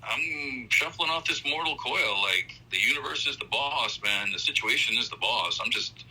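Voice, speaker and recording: A man's voice: mid-range voice, animated, normal speed, pushed and bright, husky. A man in a casual interview chat, a musician talking loosely and rambling, with lots of "you know" and "like", heard over a phone call. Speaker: musician guest.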